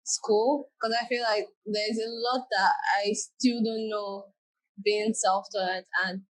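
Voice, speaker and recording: A young Yoruba woman from Nigeria chats easily as a guest in a casual interview, captured in a low-quality recording. Her mid-range voice is flat and slow, and she talks in loose, friendly runs, often leaning on "like" as she goes.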